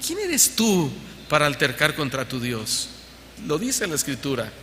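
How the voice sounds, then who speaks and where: A man's voice: on the high side, big pitch swings, a little slow, a bit bright. A man with a Mexican Spanish accent preaching a sermon to a congregation, asking them questions and mocking the voices of the people he quotes. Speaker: pastor. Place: church hall. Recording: church hall reverb, faint background noise.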